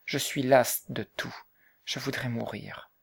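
A man reading the part of a bitter, grieving young mother, speaking softly and subdued in an audiobook. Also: mid-range voice, fairly even intonation, takes it slowly, gravelly, husky, exaggerated voice. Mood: weary, bitter. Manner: soft, subdued, hushed.

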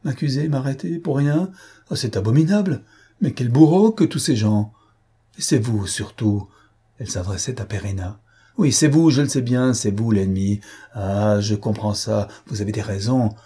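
A man voicing a hysterical, defiant woman accused of murder, with shrill pleading outbursts. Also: animated, normal speed, warm tone, husky. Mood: accusing fury.

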